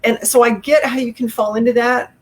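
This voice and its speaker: A woman's voice: a little high, fairly even intonation, fairly quick, low-quality recording. A middle-aged woman, an author taking questions in a live video interview, speaking frankly and with strong opinions. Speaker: author guest. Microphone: video call.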